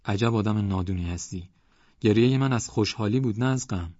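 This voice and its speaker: Man voicing a tearful old village man, husky, plaintive, slightly raised pitch, dry dull sound. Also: dark tone, no echo, lightly acted. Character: weeping old village man, emotional and blunt.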